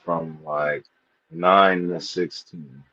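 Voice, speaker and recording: A Missouri man tells rambling, loose stories full of profanity on a casual live panel, speaking very slowly. His low voice is pushed and bright with fairly even intonation, and the stream audio is dull and lo-fi.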